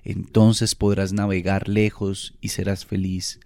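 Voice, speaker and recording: A soft-spoken, generous old tree, read by a man in a low, mellow voice. He talks tenderly and quietly, with a dry, close sound. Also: level tone, measured pace, vocal fry, dry recording. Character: gentle generous male tree, ageing.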